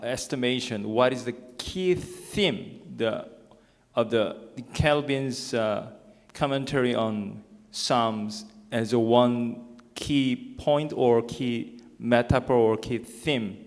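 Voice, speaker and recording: Male audience questioner, Korean accent, unhurried, hesitant phrasing, reverberant hall. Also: medium pitch. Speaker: audience member asking questions. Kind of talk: spontaneous question from the floor. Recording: echoey hall with long reverb.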